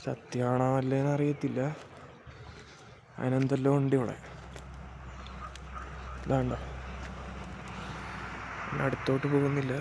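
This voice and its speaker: A man's voice: mid-range voice, level tone, measured pace, gravelly, long pauses. A man giving casual vlog commentary, pointing out what is around. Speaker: travel vlogger. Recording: noisy outdoor phone video.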